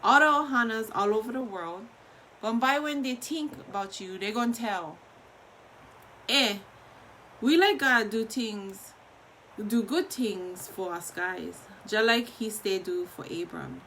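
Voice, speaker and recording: A woman with a Hawaiian Pidgin accent reads scripture aloud as a colloquial, expressive storyteller, pausing and repeating phrases. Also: a little high, a little hiss or hum, low-quality recording. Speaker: host of a daily online Bible reading.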